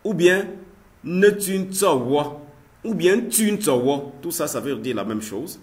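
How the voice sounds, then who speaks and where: Man, language teacher, very slow, hesitant, lots of fillers, vernacular words called out louder. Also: a little high, animated. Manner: hesitant, with frequent "euh" fillers and repeated words. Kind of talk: recorded language lesson.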